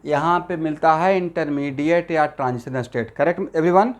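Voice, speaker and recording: A man with a slightly high voice lectures a chemistry class at a moderate pace. He speaks Hindi with an Assamese influence, mixes in English terms, and keeps checking that his students are following.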